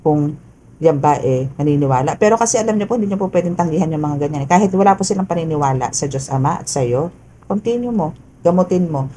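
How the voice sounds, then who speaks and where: A woman's voice: low voice, lively intonation, quick pace, warm tone, a little hiss or hum, low-quality recording. A woman giving a casual tarot reading, chatty and often checking in with the listener. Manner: chatty, peppers talk with "no?" and "okay?". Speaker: tarot reader.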